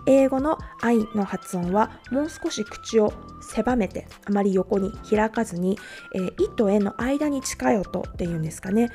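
A woman from Japan teaches pronunciation on a podcast, working through each point slowly with frequent fillers. Her voice is mellow and warm, and faint music plays beneath it. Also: mid-range voice, animated. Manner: explains step by step with many fillers. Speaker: language teacher.

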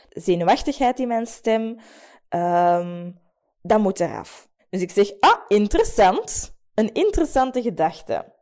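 A young woman hosting a podcast, talking through a self-coaching method with many fillers and pauses. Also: mid-range voice. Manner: warm, hesitant, many fillers. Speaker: podcast host. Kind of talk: casual coaching monologue.

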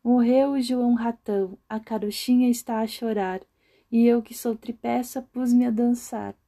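A woman's voice: fairly high pitch, steady tone, a little slow, dark tone. A woman voicing a talking three-legged stool that recites its news in a sing-song way.

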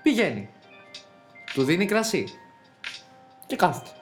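A man's voice: sits high, big pitch swings, faint music behind. A man co-hosting a podcast, playfully telling a story and building it up step by step. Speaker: podcast co-host. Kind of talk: casual chat.

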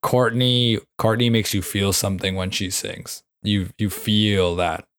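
Man, low monotone voice, dry sound, podcast co-host, casual chat, stumbles into sentences. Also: unhurried, no echo. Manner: agreeable, repeats words as he starts sentences.

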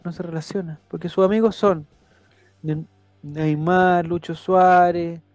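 A man's voice: high voice, fairly even intonation, measured pace, a little mellow, dry recording, faint music behind. A man hosting a casual panel chat, joking and reading out viewers' comments. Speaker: host.

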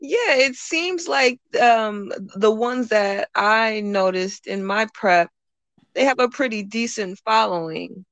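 A woman's voice: fairly high pitch, slow pace, a bit bright, no room sound. A woman hosting a podcast, talking in an informal, conversational way. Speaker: podcast host. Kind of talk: casual podcast interview.

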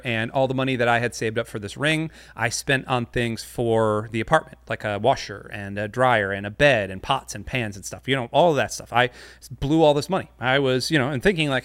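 A man's voice: medium pitch, a bit bright, no room sound. A man giving a casual, joking sermon to an online church audience, with many fillers. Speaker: pastor. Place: home studio.

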